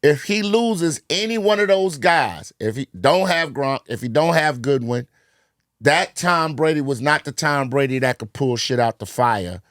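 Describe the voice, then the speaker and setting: A man with a mid-pitched voice argues football in a casual podcast debate, blunt and sarcastic, often acting out what others might say. The sound is dry and close with no room echo. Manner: blunt, sarcastic, swears, acts out quotes. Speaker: sports podcast co-host.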